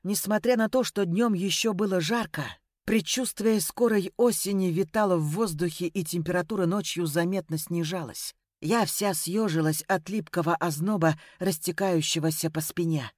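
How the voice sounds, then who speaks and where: A woman's voice: fairly low pitch, moderate pace, darkish tone, dry recording, studio quality. A woman narrating an audiobook in a dramatic, emotive reading style.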